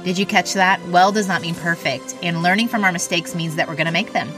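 A woman hosting a faith and parenting podcast in an upbeat, chatty way, greeting listeners with lively warmth. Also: lowish voice, music in the background. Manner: warm and chatty, drawn-out greetings. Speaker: podcast host.

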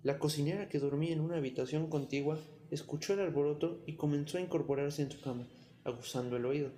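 A man reading a fairy tale aloud in an even, expressive storyteller manner. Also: on the high side, fast talker, slight background noise. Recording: long hall reverb.

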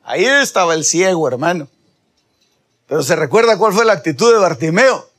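A man preaching a sermon, calling his listeners brother and swinging from hushed near-whispers to loud, impassioned shouting. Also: a little high, expressive, moderate pace. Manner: calls the listeners "hermano", acts out voices in the story.

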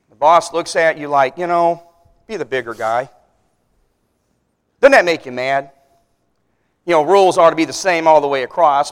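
A man, a pastor preaching a sermon, telling stories with big loud peaks and then dropping low to drive a point home. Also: in a large hall. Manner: animated storyteller, rising loud on punchlines, then dropping low.

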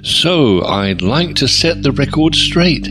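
A man playing a self-absorbed, pompous stand-in radio presenter, earnest and deliberate in a scripted comic monologue. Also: a little high, big pitch swings, over music. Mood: defensive.

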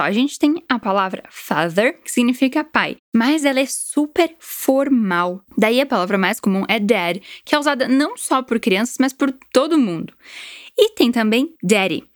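This English teacher from Brazil has a higher-pitched voice, captured in clean studio sound without any echo. Her language lesson is chatty and encouraging, with explanations of the vocabulary.

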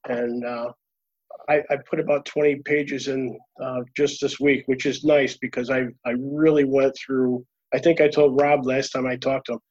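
A man's voice: mid-range voice, flat delivery, moderate pace, a little mellow. Rambling man on dull lo-fi audio. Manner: rambling, hesitant with many restarts. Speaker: guest, author and trainer. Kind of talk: casual panel chat.

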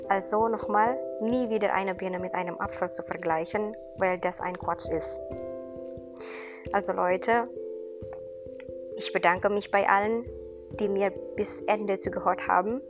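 A young Indonesian woman, a student who hosts a podcast, speaks German with an Indonesian accent in an earnest, encouraging monologue, her phrasing halting and non-native. Her voice is medium-pitched and steady, with a music bed playing behind it.

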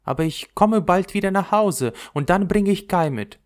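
A man's voice: expressive, normal speed. Gerda, a worried little girl, voiced by a man. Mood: longing. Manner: pleading, raised girlish pitch. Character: little girl searching for her friend, anxious.

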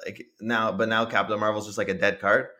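A man with a fairly low voice co-hosting a casual gaming podcast. He thinks out loud and circles back on his sentences as he goes. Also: little pitch movement, fairly quick. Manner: rambling, thinks aloud with many restarts and fillers. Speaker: podcast co-host.

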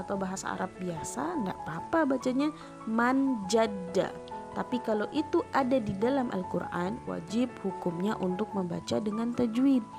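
A woman's voice: fairly high pitch, creaky. A woman teaching Quran recitation rules, patiently demonstrating each sound by repeating it. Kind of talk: tajwid lesson with spoken demonstrations. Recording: background music under voice.

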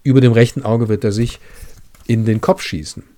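A man's voice: medium pitch, moderate pace, mellow. A man lecturing on literature, reading a classic text aloud and breaking off for enthusiastic, conversational asides.

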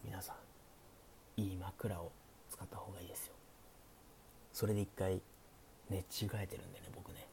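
A man streaming soft, sleepy bedtime talk, hushed and often slipping into a half-whisper. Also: sits low, little pitch movement, moderate pace, pauses often. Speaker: streamer, show host. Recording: faint background hiss.

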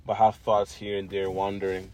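A man's voice: sits low, little pitch movement, normal speed, a little mellow. A young man co-hosting a podcast, giving blunt, joking opinions with slang in casual chat. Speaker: podcast co-host.

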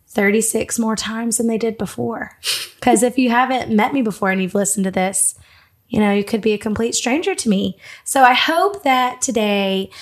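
A young woman in her twenties hosts her own podcast in a loose, chatty way, often laughing at herself. Her voice sits a little high. She talks about her life with easy, self-deprecating humor. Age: 20s. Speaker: podcast host. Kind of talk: casual podcast chat.

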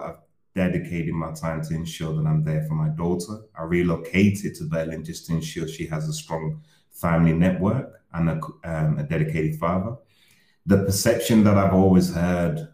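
A man from Uganda talks earnestly and reflectively on a podcast. His voice is very low, dark and mellow, and the room echoes noticeably around him. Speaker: podcast guest. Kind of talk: casual personal discussion.

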